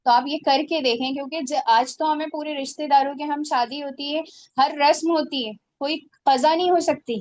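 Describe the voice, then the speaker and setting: A woman's voice: high voice, fairly even intonation, normal speed, darkish tone. A woman teaching a religious class on Quran recitation, earnest and exhorting her students.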